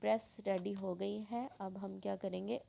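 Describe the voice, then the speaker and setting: A woman, talking through a sewing tutorial step by step and clearing her throat now and then. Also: medium pitch, steady tone, moderate pace, mellow. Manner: plain instructional, frequent throat clearing. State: sore throat. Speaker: sewing instructor.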